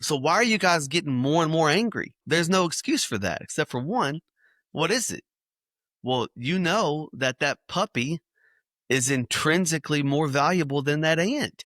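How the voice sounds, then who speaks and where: A man, a children's ministry speaker, telling lively illustrative stories in a podcast interview. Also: a little high, moderate pace, dry recording, studio quality. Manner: animated storyteller acting out scenes.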